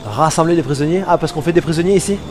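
A man giving casual, excitable commentary while playing a war game, swearing and talking back to the game. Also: a little high, very fast. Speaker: let's play gamer. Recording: game music under voice.

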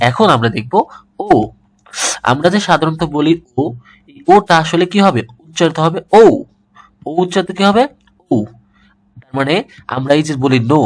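Guy teaching english sounds, asks then repeats each word like a drill. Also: on the high side. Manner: drills words by asking and repeating them. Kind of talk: pronunciation lesson.

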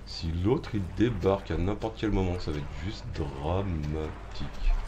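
A man's voice: low voice, unhurried. A man streaming a horror game, commentating live, swearing and taunting the enemy with mock drama.

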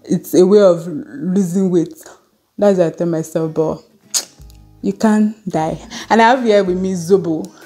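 A woman's voice: fairly low pitch, a little slow, mellow, faint music behind. A young woman, telling a casual story to her channel while eating on camera. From Nigeria. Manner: chatty, laughing, eating on camera. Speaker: vlogger.

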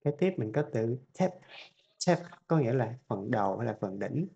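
A male teacher with a Vietnamese accent, giving a phonics lesson, repeating each sound and word slowly and patiently. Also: mid-range voice, lively intonation, vocal fry, warm tone, highs cut off. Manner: drills each sound several times, then explains it patiently. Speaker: English teacher.

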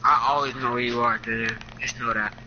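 A man's voice: mid-range voice, fairly even intonation, moderate pace, sharp tone, slight background noise. A man bantering cockily with his friend while they play a game together. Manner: cocky, joking banter. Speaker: gaming partner. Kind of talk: casual gameplay chat. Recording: dull lo-fi game chat audio.

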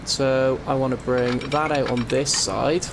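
A let's play host rambles casually over gameplay, thinking out loud and cutting in on himself often. His mid-range voice is steady in tone and a little slow. A compressed desktop microphone records the voice-over, picking up faint room noise and keyboard typing.

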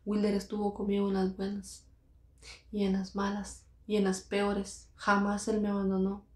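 A woman's voice: mid-range voice, completely flat delivery, moderate pace. A woman earnestly telling her own life story, repeating phrases for emphasis and acting out what others said. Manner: earnest, repeats phrases, acts out quoted voices. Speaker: vlogger recounting her own experience. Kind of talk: emotional personal storytelling. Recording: roomy echo.

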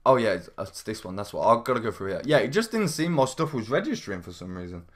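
A man hosting a gaming livestream, giving casual running commentary in an excitable way, often repeating his phrases and exclaiming. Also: on the low side, fast talker. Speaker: livestream gamer, host. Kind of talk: live gameplay commentary, casual.

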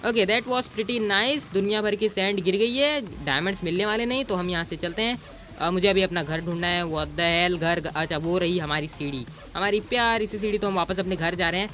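A man's voice: sits high, normal speed, sharp tone. A man giving casual gameplay commentary as a gaming YouTuber, bossy and teasing, throwing in English exclamations.

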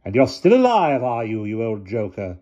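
A man doing a haughty old aunt, high and crisp. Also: wildly swooping pitch, warm tone. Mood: imperious. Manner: crisp, commanding, slow and deliberate. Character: very old imperious aunt, brisk and dry. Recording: dull lo-fi recording.

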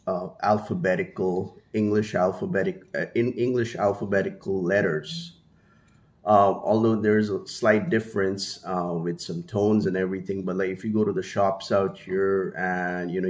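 A low-pitched, slightly mellow voice comes from a man in his thirties from India whose first language is Hindi. Vlogging indoors in a small home room, he speaks casually and rambles, with plenty of fillers and restarts. He gestures with one hand, the other holding a small mic to his mouth.

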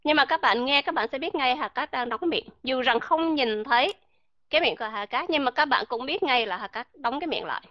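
Female classroom teacher who quizzes students and refers to herself by name; slightly high voice; muffled, dry recording. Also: expressive, a little fast, no echo. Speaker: English pronunciation teacher. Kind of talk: classroom lecture.

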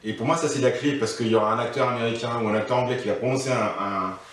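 Racing along in a mid-range voice, a man in his thirties gives casual advice as an interview guest from his living room couch. He's thoughtful, restarting often and leaning on fillers, and the far-off camera mic catches an echoey room.

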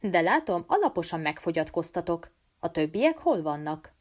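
A woman's voice: on the low side, big pitch swings. A woman voicing an easygoing young male student from Pisa, light, evasive and teasing. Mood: breezy.

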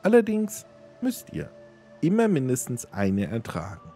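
A man voicing a croaking female goddess of decay disguised as a ragged beggar, in a high put-on woman's voice with a solemn, aloof manner. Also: huge pitch swings, measured pace, dark tone, soft background music.

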